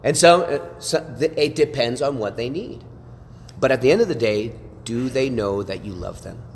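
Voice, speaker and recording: A man teaching a class like a sermon, animated and full of rhetorical questions and tag questions. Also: mid-range voice, moderate pace, big-room sound. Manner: animated, asks rhetorical questions, frequent "right?".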